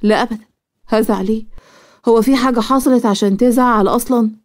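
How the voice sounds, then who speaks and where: A woman's voice: fairly high pitch, steady tone, fast, darkish tone, lightly acted. A woman voicing a scheming young woman with an Egyptian accent, sly and innocent-sounding. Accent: Egyptian Arabic.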